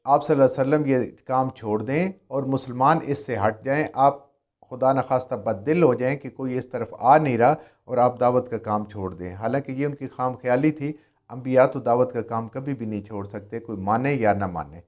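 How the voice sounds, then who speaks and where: A man's voice: medium pitch, a little mellow. A man teaching a Quran commentary lesson, reciting Arabic verses and then explaining them, repeating and rephrasing his points.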